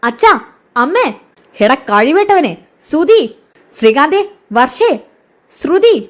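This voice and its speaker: A woman voicing an angry young man who shouts orders at his family while retelling a TV serial. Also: a little high, lively intonation, fast talker. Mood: angry commanding. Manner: shouting, commanding.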